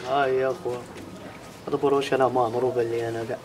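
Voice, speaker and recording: A young man with a Moroccan accent, trading brisk street banter in a comedy sketch. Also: mid-range voice, flat delivery, background noise, close to an everyday voice.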